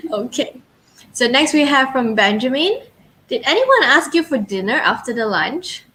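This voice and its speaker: A woman hosting a live stream, reading out audience questions in an upbeat, brisk way. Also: sits high, big pitch swings, sharp tone, rough recording. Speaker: host.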